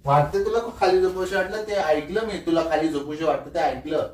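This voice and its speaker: A man's voice: on the high side, brisk. A man arguing with his wife in their bedroom at night, demanding to know why she is upset. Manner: puzzled, then irritated and demanding answers. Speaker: husband being pranked. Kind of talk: heated domestic argument. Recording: echoey room, far from the mic.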